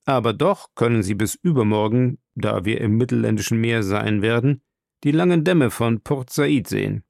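A stern, proud submarine captain, read by a man in a calm and commanding audiobook voice. His tone is gravelly with fry at the ends of phrases, and the recording is dry and close. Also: medium pitch, normal speed, no room sound, close to an everyday voice. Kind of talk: audiobook role reading.

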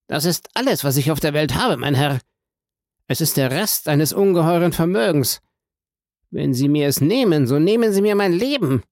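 A man reads an audiobook, voicing a panicked, greedy banker held prisoner who pleads and bargains in frantic outbursts. He pitches the character above his own voice, landing on the high side, expressive and a little mellow at normal speed, in clean studio sound with no room tone.

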